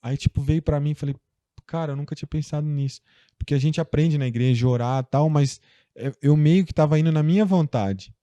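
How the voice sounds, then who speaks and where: A man's voice: a little high, brisk, mellow, no echo, muffled recording. A young Brazilian man, a guest in a casual interview, telling a personal story in a loose, chatty way full of fillers. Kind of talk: casual conversation.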